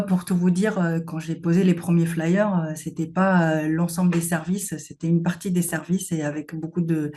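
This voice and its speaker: A woman's voice: lowish voice, dark tone. A woman founder answering interview questions earnestly, with many hesitations. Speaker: company founder, guest.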